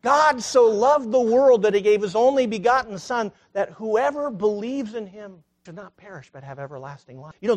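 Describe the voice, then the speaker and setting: A man delivering a sermon, talking like a conversation and asking his listeners questions. His voice sits a bit high for a man and swings widely, sinking to near-murmurs and then climbing to loud, lifted emphasis. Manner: wide swings from soft and low to loud and high; conversational with fillers and rhetorical questions. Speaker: preacher.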